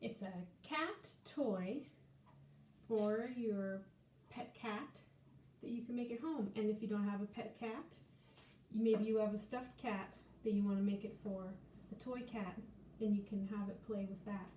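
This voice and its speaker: A woman hosts a library storytime for children, reading a picture book aloud and demonstrating a craft in simple, child-directed language. Her mid-range voice is dark in tone and a little slow, and the low-quality recording has slight background noise.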